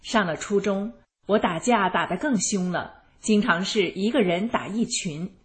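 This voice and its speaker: A woman narrating her own life story in the first person, in a calm and even manner. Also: mid-range voice, a little slow. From rural China.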